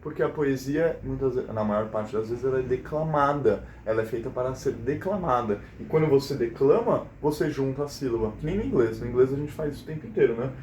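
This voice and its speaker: A man's voice: mid-range voice, lively intonation, a little fast, hardly any pauses, darkish tone, slight background noise. A male teacher explaining a poem's syllable count in a recorded class lesson, checking in with his students often. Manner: explanatory, checks in with frequent questions. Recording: roomy echo.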